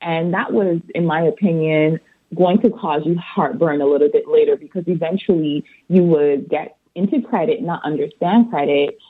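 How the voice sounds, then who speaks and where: A woman from Barbados, an accountant and author, calmly explaining her answers as a guest on a radio interview. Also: low-pitched, normal speed, breathy edge. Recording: tinny phone line.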